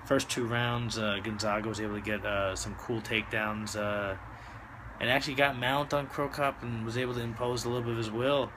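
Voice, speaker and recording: A man hosting a casual solo fight recap, talking in a loose, halting, drunken ramble. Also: mid-range voice, steady tone, noisy background. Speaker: host of a fight-talk show.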